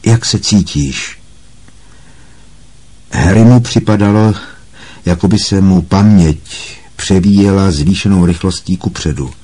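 A man reads a story aloud in a measured, dramatic way. His voice sits low and has a husky grain. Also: mellow. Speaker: audiobook narrator. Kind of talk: scripted narration.

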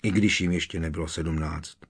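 A man's voice: a bass voice, fairly even intonation, breathy edge, pitched below the performer's own voice, exaggerated voice. A man reading the lines of a curious teenage schoolboy wizard in an audiobook, in a light speculative tone.

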